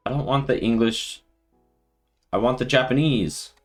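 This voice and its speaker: A man streaming live and thinking out loud with casual commentary, laughing often. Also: mid-range voice, normal speed, faint music behind. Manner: thinking aloud, frequent laughter.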